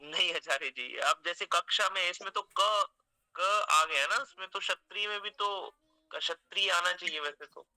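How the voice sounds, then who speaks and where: A male student asks his teacher a question over a video call. His voice is slightly high and very sharp and tense. He speaks respectfully and a little hesitantly. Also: normal speed, rough recording.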